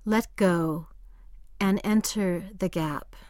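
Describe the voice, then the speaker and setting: A woman leads a guided meditation at a very slow, unhurried pace. Her voice sits a little low and stays soft and calm, sometimes sinking into a whisper. The sound is dry and close, with no room around it. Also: no echo.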